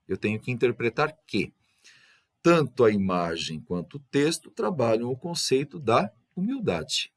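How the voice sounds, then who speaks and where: Man teacher, lively up-and-down pitch, checks in with a tag question after each point. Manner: explains step by step, tag questions after nearly every phrase. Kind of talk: exam review lesson.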